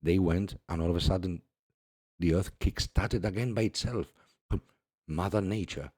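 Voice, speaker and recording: Deep, dark-voiced man discussing scripture. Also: moderate pace, breathy edge, no room sound, clean studio sound. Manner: reads scripture aloud, laughs often, repeats "see". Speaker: religious video host. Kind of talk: casual religious commentary.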